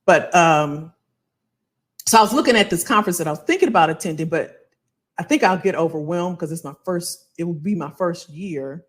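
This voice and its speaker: A woman hosting a casual livestream as a financial coach, animated and colloquial, repeating phrases for emphasis. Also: fairly low pitch, moderate pace. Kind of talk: casual livestream talk to viewers.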